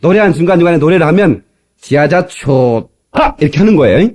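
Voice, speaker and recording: Joking Korean pastor on an old tape. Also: male voice, fairly high pitch, expressive, fairly quick, a little mellow. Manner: chatty, joking preacher who breaks into dialect recitations. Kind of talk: sermon. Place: church. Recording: old cassette tape transfer.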